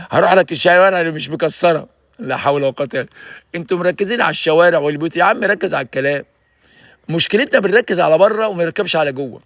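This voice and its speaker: A man in his sixties with an Egyptian accent hosts a casual livestream and urges his listeners to focus on what he says. His voice is a little higher than most men's, and he rattles off his points at a quick clip. The sound is dry and close. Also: dry recording. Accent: Egyptian Arabic. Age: 60s. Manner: energetic and preachy, urging listeners to focus. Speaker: livestream host giving health advice.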